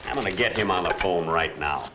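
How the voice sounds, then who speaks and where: An American actor playing a broke, dithering lawyer in 1940s screwball comedy banter, dry and stammering. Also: male voice, low-pitched, lively intonation, a little fast, heavy background noise. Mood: dry, wry. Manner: dry wisecracking, flustered stammering. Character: broke, dithering male lawyer, putting on a brave front. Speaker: lead film actor.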